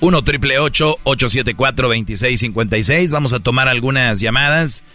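A man's voice: mid-range voice, a little fast, bright, forceful tone, soft background music. A man with a Mexican accent hosting a call-in radio advice show, brash, slangy and teasing. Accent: Mexican Spanish. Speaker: radio host. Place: radio studio.

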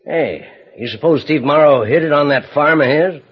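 Sly old cowboy rancher, raspy, folksy drawl, old radio drama. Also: male voice, fairly high pitch, moderate pace. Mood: sly, needling. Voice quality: husky. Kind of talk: vintage radio western acting. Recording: muffled old radio recording.

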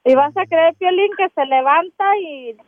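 A woman's voice: very high-pitched, normal speed, no echo. Woman caller on a tinny phone line. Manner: complaining, animated storytelling.

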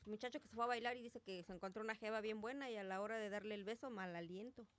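A woman's voice: medium pitch, fast, a crowd in the background. A woman co-hosting a radio show, telling jokes and anecdotes. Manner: joking, storytelling. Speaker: radio co-host.

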